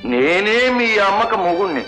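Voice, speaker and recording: A man's voice: high-pitched, animated, moderate pace, a bit bright, faint music behind, poor audio. A middle-aged man playing a scheming, wisecracking father in a 1970s film comedy. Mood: mocking. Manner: mocking, wisecracking. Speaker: girl's father.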